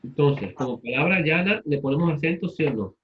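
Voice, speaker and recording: A man's voice: a little high, animated, brisk, a little hiss or hum. Male teacher, classroom lesson, patient, asks and repeats, muffled lo-fi recording. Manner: patient, repeats answers back and asks questions. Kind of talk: classroom lesson with questions to students.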